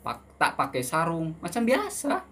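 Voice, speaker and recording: A man's voice: on the high side, wildly swooping pitch, unhurried, fairly bright tone, slightly rough. A man in his twenties from Indonesia, hosting a casual Q&A vlog, reading viewer questions aloud and answering them in a chatty way, often ending phrases with "ya" and mixing in Malaysian words and English terms. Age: 20s.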